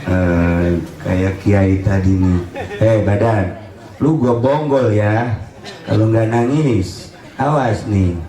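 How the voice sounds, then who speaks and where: A man's voice: lowish voice, takes it slowly, warm tone. A man preaching a sermon in a humorous way, mixing jokes and street slang into his teaching. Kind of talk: religious sermon. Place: hall at a religious gathering. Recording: echoey hall, voice from a distance.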